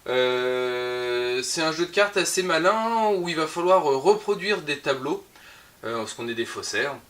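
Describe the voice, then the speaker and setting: A man's voice: a little high, animated, unhurried, a bit bright. A man with a French accent casually presenting the week's new board games in a shop video, chatty and upbeat with frequent hesitations. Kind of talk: casual weekly product roundup.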